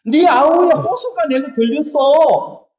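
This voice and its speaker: A male preacher voicing God, speaking slowly, firmly and solemnly to Cain. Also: very high voice, darkish tone, echoey room, recorded from a distance, voice pushed up, rough recording. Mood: solemn questioning. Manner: slow, solemn, firm.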